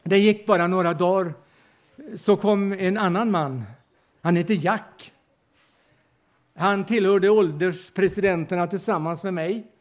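A man's voice: sits high, steady tone. An older man preaching a storytelling sermon, retelling conversations and often turning to the audience.

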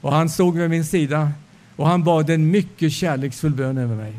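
Man preaching a testimony, slightly high. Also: darkish tone. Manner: storytelling, acting out dialogue. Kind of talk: sermon testimony.

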